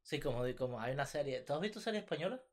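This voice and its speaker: A man's voice: fairly high pitch, animated, racing. A man co-hosting a podcast in casual chat, emphatic and repeating his points. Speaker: podcast co-host.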